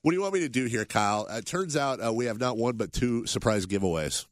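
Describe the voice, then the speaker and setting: A man's voice: mid-range voice, expressive, quick pace, no room sound, clean studio sound. A man hosting a sports radio show, talking in a casual, opinionated way, his voice nasal from a cold. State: has a cold.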